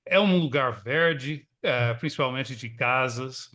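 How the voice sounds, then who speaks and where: A native English speaker from Texas, a magazine editor, joins an online panel discussion as a guest via video call from his home in a small suburban town. He talks in an easygoing, chatty way with many filler pauses, in an American accent with a countryside São Paulo Portuguese lilt. His voice is medium-pitched, bright and forceful.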